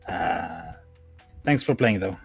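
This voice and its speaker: A man's voice: fairly low pitch, expressive, takes it slowly, gravelly, breathy edge. A man chatting casually in a hesitant, apologetic way as a player in an online game. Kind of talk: casual chat. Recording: dull lo-fi voice chat, faint music.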